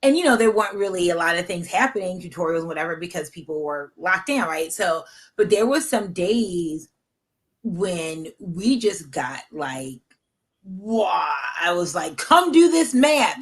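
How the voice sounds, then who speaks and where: A woman's voice: on the low side, moderate pace, rough recording. A woman hosting a casual chat, telling candid, self-mocking stories. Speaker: podcast host.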